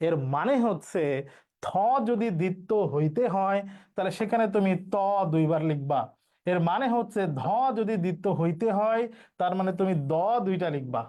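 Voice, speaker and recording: Man, high voice, teacher, exam-prep lesson, step-by-step explaining, repeats key rules. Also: a little mellow.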